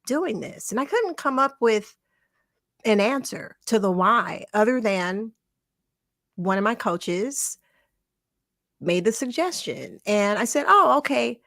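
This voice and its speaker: A woman's voice: medium pitch, animated, takes it slowly, long pauses, fairly bright tone, dry recording, clean studio sound. A woman co-hosting a casual talk show, chatty and reflective, laughing often as she shares stories. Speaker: podcast co-host. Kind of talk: casual conversation.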